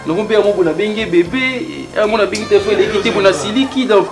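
A man playing a lovesick excitable young man. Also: medium pitch, normal speed, close to an everyday voice. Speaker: actor in Congolese theatre comedy. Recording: music behind the voice.

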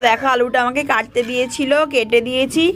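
A young mother with a slightly high voice narrates a casual family vlog to her viewers. She talks in a chatty, easygoing way, turning now and then to coax her little daughter. She is recorded outdoors on a rooftop in light rain with a handheld phone. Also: fairly even intonation, fast talker, fairly bright tone, slight background noise. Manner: chatty, talking to viewers while coaxing her small daughter.

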